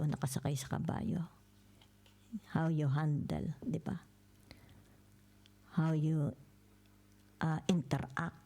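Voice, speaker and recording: An older woman giving a slow tarot reading, soft-spoken, who keeps checking in with the listener and often drops to a whisper. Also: low-pitched, creaky, husky. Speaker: tarot reader. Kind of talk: slow tarot reading, mixing Tagalog and English.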